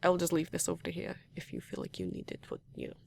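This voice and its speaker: A man voicing a reserved, formal and caring partner in a comfort roleplay, speaking softly with hesitant restarts and few contractions, at times in a whisper. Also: on the high side, huge pitch swings, fast, gravelly, a little hiss or hum, heavily acted. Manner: soft-spoken, at times whispering. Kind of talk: comfort roleplay addressed to the listener.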